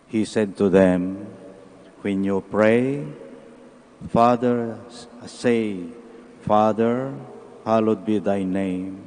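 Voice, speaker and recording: A priest speaking in a large church, his words unhurried and deliberate. Every phrase trails off into a long cathedral echo. He delivers the gospel reading and homily with careful, measured pacing. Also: on the low side, fairly even intonation, darkish tone. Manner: slow, measured preaching.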